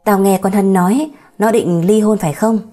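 A woman's voice: mid-range voice, steady tone, moderate pace, warm tone, faint music behind, close to an everyday voice. A woman voicing a stern old father in an audiobook story, blunt and scolding. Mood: angry.

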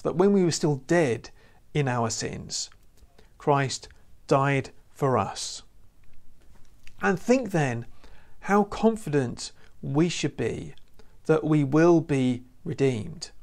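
In a mid-range voice with a darkish tone and vocal fry, a man gives an earnest, conversational sermon to the camera, leaning on "you know" often. It's recorded indoors via lapel mic, in a room with a lamp and a church banner.

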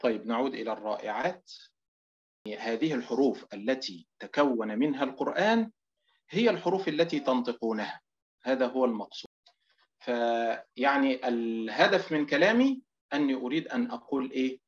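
A middle-aged man teaching Quranic recitation in an online lesson, explaining step by step and stretching example words out slowly. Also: mid-range voice, animated, dull audio.

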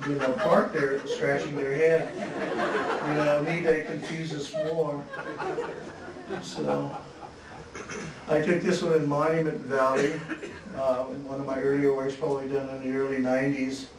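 Man giving a halting slide talk in an echoey hall. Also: medium pitch, a crowd in the background. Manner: relaxed, halting, frequent restarts and chuckles. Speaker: photographer presenting his work. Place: museum lecture hall. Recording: echoey hall, distant mic, faint hiss.

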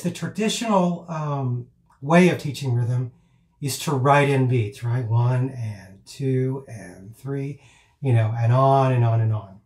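A man's voice: medium pitch, darkish tone. Man teaching in an echoey room. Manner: rambling, with many fillers and restarts; chants counts and rhythm words aloud as demonstrations. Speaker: piano teacher. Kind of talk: informal teaching talk. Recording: roomy echo.

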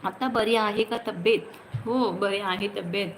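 A woman's voice: mid-range voice, fairly even intonation, measured pace, slight background noise, poor audio. A woman hosting a casual phone livestream, greeting viewers by name and chatting in a teasing way. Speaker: livestream host. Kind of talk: casual live chat reading comments.

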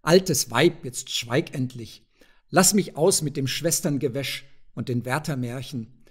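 A man reading a gruff, blustering male character who barks orders in loud outbursts. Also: on the high side, lively intonation, a little slow.

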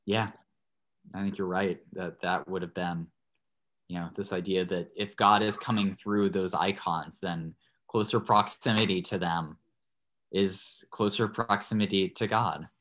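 A man's voice: low-pitched, steady tone, a little slow, a bit bright. A man, a priest, giving a thoughtful parish class over a video call, loosely phrased with many restarts. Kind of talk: online parish talk.

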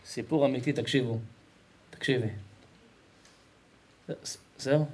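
Preaching a Torah lesson to a live crowd, this rabbi speaks at a medium pitch with fairly even intonation and a breathy edge. His delivery is emphatic and repetitive, casual and warm toward the audience, whom he repeatedly urges to listen.

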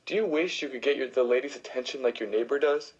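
A man delivering a hyped, hard-selling mock infomercial pitch. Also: quick pace, husky. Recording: dull lo-fi recording.

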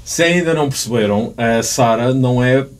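A man's voice: medium pitch, normal speed, heavy background noise. A young man from Madeira hosting a podcast in a small studio, asking guests questions. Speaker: podcast host. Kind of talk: interview questions.

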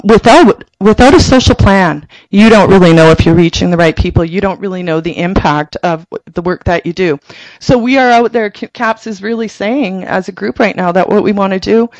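A man's voice: high-pitched, no echo, low-quality recording. A man, a social worker, presenting to a city council passionately, often restarting his sentences, speaking into a table microphone in a council chamber. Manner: passionate, halting with frequent restarts.

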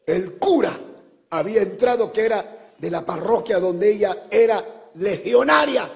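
Pastor guy preaching live, high gravelly voice, lots of church echo. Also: unhurried. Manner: impassioned storytelling preacher, bursts into shouts. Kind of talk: sermon. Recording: long hall reverb from live church.

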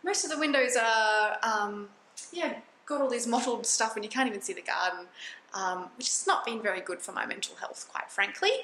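A woman in her thirties talking to a handheld camera in a vlog, reflective and chatty with soft laughs. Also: medium pitch, slight background noise. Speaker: vlogger. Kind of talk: casual vlog talk to camera. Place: small indoor rooms of a house. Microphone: phone camera held at arm's length. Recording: roomy sound.

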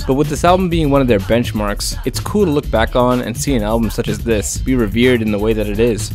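A man with a medium-pitched, somewhat dark voice delivers a scripted voice-over about music. As a music video essayist, he sounds casual, playful and enthusiastic.

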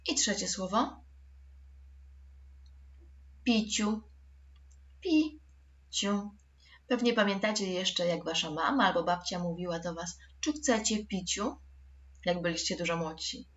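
A woman's voice: lowish voice, fairly even intonation, moderate pace, long pauses, a bit bright, muffled recording. A woman teaching a recorded school lesson for children, patient and addressing the pupils directly.

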